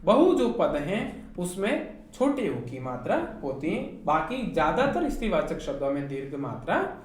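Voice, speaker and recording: A woman teacher with a Hindi accent lectures slowly and patiently, her pitch rising and falling in a lively way. She walks her students through each point with rhetorical questions. The recording sounds very echoey, with faint noise behind her. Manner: slow, explains step by step with rhetorical questions to students. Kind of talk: online class lecture.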